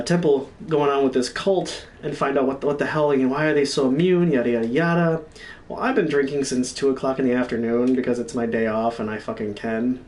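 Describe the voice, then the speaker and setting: A man hosting a gaming channel, telling stories in a rambling, halting way with lots of swearing. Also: mid-range voice, darkish tone, distant mic. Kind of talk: casual solo storytelling stream.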